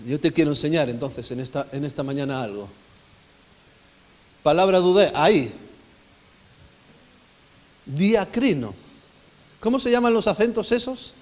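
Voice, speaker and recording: A male pastor preaches with emphatic swings between loud calls and hushed asides, often asking the congregation questions. His voice sits high for a man. The sound rings with the long reverb of a church hall. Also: brisk. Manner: emphatic, rising and falling dynamically, asks the congregation questions. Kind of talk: sermon.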